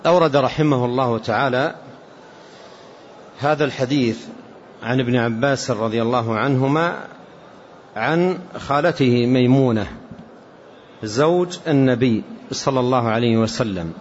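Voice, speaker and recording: Sheikh explaining hadith in a lo-fi recording. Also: male voice, mid-range voice. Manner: measured explanatory teaching with repetitions. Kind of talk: religious lesson commentary. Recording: dull lo-fi lecture recording with faint hiss.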